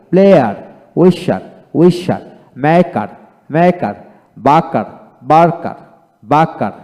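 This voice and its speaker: A man with a Bangladeshi accent leads a slow pronunciation drill, repeating every word twice and pushing it louder and higher. His voice is a bit high but mellow. A long reverb trails after each word. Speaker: English teacher.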